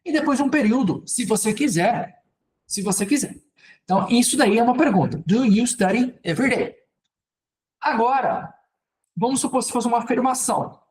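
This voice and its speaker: A Brazilian man teaching English grammar in Portuguese, explaining step by step in a relaxed, conversational way and often checking in with "ok, gente". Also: high-pitched, a little hiss or hum. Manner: conversational, repeats "ok, gente" and "então". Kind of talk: casual spoken lesson at a board.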